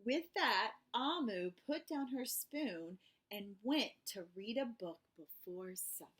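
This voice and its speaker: A woman narrates a picture book for children in a fairly high, highly melodic voice. She reads slowly, leaving dramatic pauses and stretching out phrases. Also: expressive, fairly bright tone. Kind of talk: expressive children's read-aloud narration.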